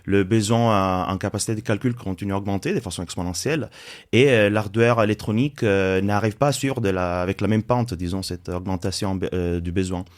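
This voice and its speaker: A man from Turin with an Italian accent, a native Italian speaker, explaining things calmly as a podcast guest with frequent hesitations. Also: fairly low pitch. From Italy, Turin. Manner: measured, explanatory, many hesitations. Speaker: startup founder, podcast guest. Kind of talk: casual interview.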